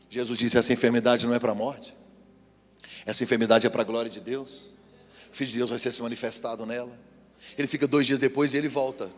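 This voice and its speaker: A man from Brazil, a pastor preaching an animated sermon and acting out quotes in high voices. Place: church hall. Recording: echoey hall with long reverb.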